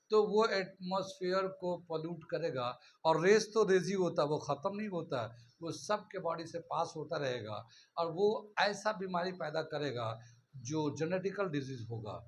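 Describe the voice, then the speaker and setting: A man's voice: a little high, a bit bright, slight background noise. A man teaching a physics lecture, explaining step by step and often checking with his students. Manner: explains in Hindi mixed with English terms, often checks with "ठीक है ना". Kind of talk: classroom lecture.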